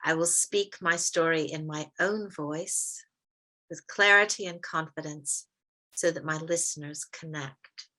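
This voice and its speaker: Workshop leader, woman, light American accent, clear bright tone, deliberate pacing with slowed emphasis, heard over a video call. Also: low voice. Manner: measured, stresses words slowly. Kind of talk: interactive workshop teaching.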